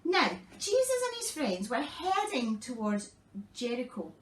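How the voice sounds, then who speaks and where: A woman, a children's pastor telling children a Bible story in a lively, animated way. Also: on the high side, unhurried, reverberant, far from the mic, slight background noise, poor audio.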